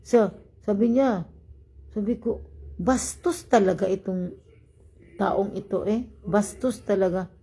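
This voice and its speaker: Husky-voiced Filipina vlogger with Cebuano lilt. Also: female voice, mid-range voice, slow pace, pauses often, low-quality recording. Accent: Cebuano-tinged Filipino. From Philippines (Cebu). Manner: animated, acts out quoted people, laughs often. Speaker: vlogger living abroad. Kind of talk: casual storytelling chat.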